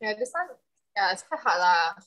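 A woman's voice: mid-range voice, big pitch swings, normal speed, a bit bright, rough recording. A young woman with a Singaporean accent and a mid-range voice hosts an online game. She talks casually over a video call, dropping in Singlish particles as she goes. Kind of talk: casual chat hosting a guessing game. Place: indoor room, video call.

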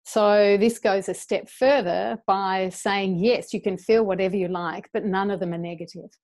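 A middle-aged woman joins a video call as a guest educator from a small room, speaking through an earphone mic. Her mid-range voice moves at a moderate pace, and she's passionate and animated, gesturing a lot with her hands.

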